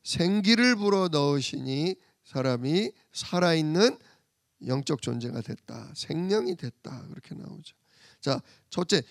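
A man preaching a sermon in a fairly high voice, firing questions at the congregation and answering them himself. He drops to quiet asides and then swells again. The recording is dry and close, with no room sound. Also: no echo. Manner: asks the congregation questions and answers them himself, shifting between soft and loud. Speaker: pastor.

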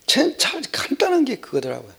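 An older man preaching a sermon in a conversational, rambling way, jumping from loud exclamations to hushed whispered asides. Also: very high voice, huge pitch swings, fairly quick, vocal fry, husky.

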